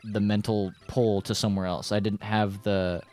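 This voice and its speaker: A young man in casual conversation with a fairly low voice, rambling through stories with crude jokes and restarts. Faint music plays underneath. He talks loosely as a co-host with a friend. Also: little pitch movement, normal speed, darkish tone. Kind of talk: casual chat.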